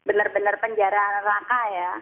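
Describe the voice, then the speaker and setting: A woman's voice: medium pitch, flat delivery, brisk. Woman calling in on a tinny phone. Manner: plain-spoken, lists her points in order. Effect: phone-line caller heard through a call-in line. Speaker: caller to a TV talk show. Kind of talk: call-in opinion.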